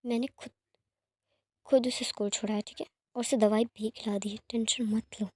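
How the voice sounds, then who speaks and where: A woman voicing a calm, protective young man who speaks in a measured, soothing way. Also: on the high side, breathy edge, no room sound.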